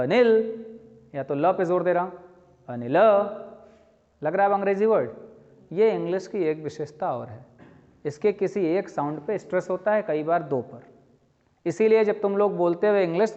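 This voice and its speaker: High-voiced male teacher, echoey hall. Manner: lively, explains with spoken examples and rhetorical questions. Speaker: English teacher. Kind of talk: classroom-style lecture. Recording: dull lo-fi sound with long reverb.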